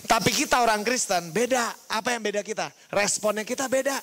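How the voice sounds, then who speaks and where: A young man preaching to a youth group, lively, often asking the crowd "right?" and mimicking people with bleep sounds. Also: high-pitched, brisk. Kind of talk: youth sermon.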